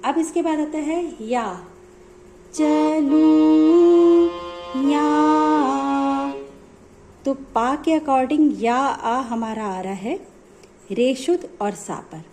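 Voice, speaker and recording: A woman's voice: high-pitched, slow pace, darkish tone. A woman music teacher explaining notes step by step in a patient, repetitive way. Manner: patient, explanatory, repeats points.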